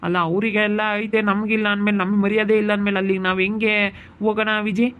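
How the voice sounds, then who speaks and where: Here a man with a high, level, fairly bright voice talks at a quick pace. Cast as an angry young husband watching over his sick wife in an amateur village family drama, he scolds repeatedly and heatedly.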